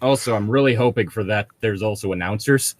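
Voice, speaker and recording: A man with a fairly low voice talks briskly, with no echo, as a co-host reading a book aloud with friends. The chat is casual and jokey, and he tends to break into laughter.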